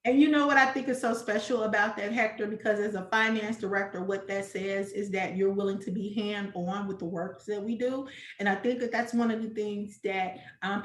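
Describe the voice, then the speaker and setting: An older woman in her sixties hosts a casual online panel chat about a preschool program, talking in a chatty, affirming manner with many restarts. Her mid-range voice sounds reverberant, with a little hiss or hum.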